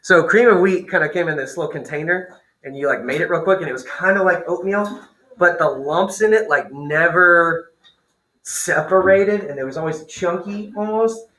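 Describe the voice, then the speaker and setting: A man's voice: sits high, normal speed, bright, forceful tone, roomy sound, rough recording. A male teacher reading a story aloud to his class and breaking off for playful, chatty asides to the students.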